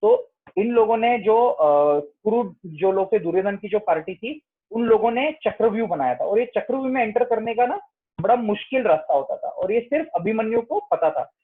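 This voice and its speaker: A man's voice: sits high, expressive, moderate pace, husky. Man explaining scripture over a tinny line. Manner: explains with frequent rhetorical "right?" checks. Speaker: spiritual discussion speaker.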